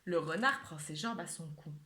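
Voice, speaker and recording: Expressive woman reading a children's story. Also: deep voice, moderate pace. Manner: expressive, playful. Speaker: children's book reader. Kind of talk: read-aloud storytelling.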